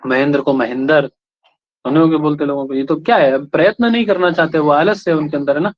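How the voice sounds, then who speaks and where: A man from India lecturing a class in a fairly high voice, stopping every few phrases to check that the students follow him. The recording is dull and lo-fi. He speaks in a steady teaching manner. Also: fast talker. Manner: keeps checking in with the class with short tag questions.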